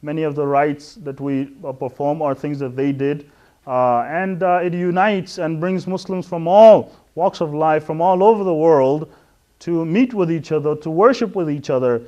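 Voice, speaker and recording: A middle-aged man from West Africa giving an earnest introductory talk on religion, explaining step by step with frequent pauses and restarts. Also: a little high, darkish tone, lo-fi sound. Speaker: Islamic lecturer.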